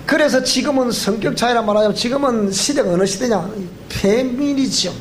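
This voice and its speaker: A male pastor with a Gyeongsang accent giving a joking, animated seminar lecture that quizzes the audience. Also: extremely high pitch, brisk, slight background noise. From Gyeongsang region of Korea. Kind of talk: sermon-style seminar lecture. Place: church hall.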